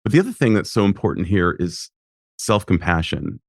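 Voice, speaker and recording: A man hosting a podcast, reflecting in a measured way and asking his guest questions. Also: deep voice, big pitch swings, gravelly, dry recording, studio quality. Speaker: podcast host, psychologist. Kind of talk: casual interview chat.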